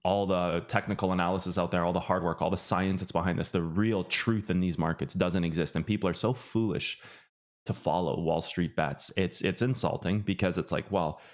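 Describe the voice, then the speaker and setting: A man's voice: low-pitched, fairly even intonation, a little fast. A man who hosts a finance channel, talking in a loose, rambling way with many restarts and fillers. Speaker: finance YouTuber. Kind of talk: casual livestream chat.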